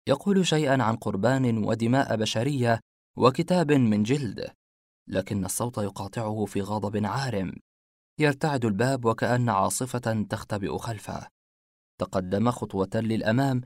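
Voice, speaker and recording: A man narrating a horror mystery story in a measured, suspenseful reading. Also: lowish voice, darkish tone, no echo, studio quality.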